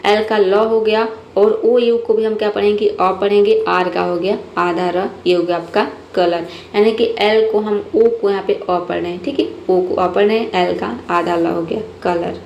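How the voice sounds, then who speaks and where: A woman's voice: mid-range voice, fairly even intonation, moderate pace, vocal fry, hardly any pauses, a little mellow, highs cut off. Methodical female English teacher. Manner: patient, methodical, repeats "ठीक है" often. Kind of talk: phonics lesson explaining rules step by step. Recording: echoey room, faint noise.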